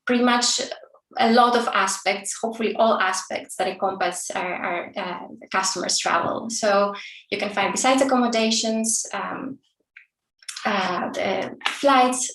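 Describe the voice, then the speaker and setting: A woman's voice: fairly high pitch, fairly bright tone, far from the mic. A woman in her thirties from Greece presents a technical talk over a video call, friendly and peppered with fillers and restarts. She sits a little back from the mic in a roomy space with an echo. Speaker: conference speaker.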